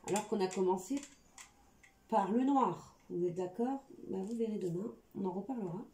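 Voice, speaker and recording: A woman hosts a hands-on craft tutorial at a craft table indoors, chatting informally with a slight lisp on her s sounds. Her mid-range voice is mellow and moves at a moderate pace. The room is echoey, with faint background noise.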